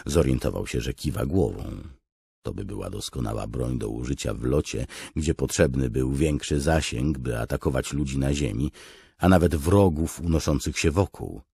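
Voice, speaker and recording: A man narrates a fantasy novel in a measured, steady reading. His voice is extremely deep and gravelly, with a husky edge, recorded close in a dry studio. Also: dry recording. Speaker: audiobook narrator.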